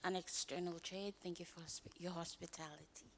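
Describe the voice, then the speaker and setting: A woman from the Solomon Islands, a junior diplomat, introducing herself softly and tentatively. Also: on the low side, steady tone, moderate pace, a little hiss or hum.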